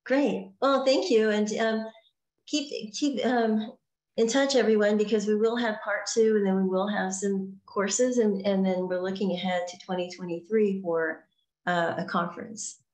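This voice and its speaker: A woman's voice: medium pitch, steady tone, a little slow, darkish tone. Woman moderator in a roomy room. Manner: friendly, loose, filler-heavy. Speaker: webinar moderator. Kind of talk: hosting a webinar. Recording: roomy call audio.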